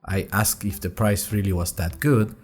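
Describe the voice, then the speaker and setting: A deep, fairly everyday male voice moves at a moderate pace against soft background music. Cast as the curious young student journalist behind a fictional podcast, he tells his adventures in chatty, wry first-person drama narration full of expression.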